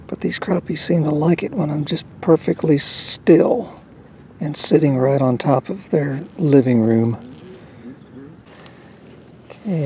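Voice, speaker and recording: A fishing vlogger casually comments on her fishing from a small boat on a lake, chatting folksily to the fish she catches, captured on a camera mounted to the boat. Her voice is low-pitched and mellow, with a slight hiss or hum.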